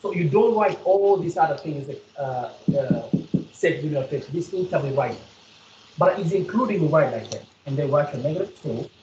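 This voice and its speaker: A woman's voice: low voice, expressive, normal speed, warm tone, muffled recording, slight background noise. South African woman tutoring maths, echoey. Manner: repetitive, coaxing, quizzes the student. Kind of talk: one-on-one maths lesson.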